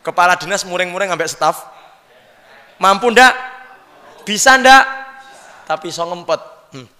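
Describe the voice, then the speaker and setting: A man with a Javanese accent giving a lively sermon, often questioning his audience directly. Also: sits high, moderate pace. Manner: lively, questions the audience, mixes in local words. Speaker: preacher. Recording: long hall reverb.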